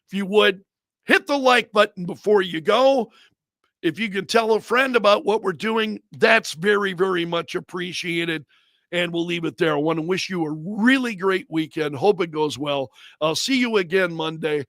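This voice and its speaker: A man with a fairly high voice hosts a relaxed livestream, chatting loosely to his viewers. He rambles, restarts his sentences and drifts into asides. The sound is close and dry, with no room around it. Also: normal speed, no echo. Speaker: radio host and brand manager. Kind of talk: casual livestream chat.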